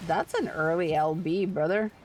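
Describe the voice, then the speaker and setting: A bit of hiss or hum runs under this clip of a woman with a fairly low, slightly mellow voice speaking at normal speed. She plays an online game on stream, chatting casually with viewers, and she's informal, playful and sweary.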